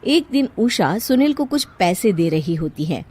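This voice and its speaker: A woman's voice: medium pitch, big pitch swings, unhurried, a little mellow, husky, no room sound. A woman narrator reading a scripted moral story.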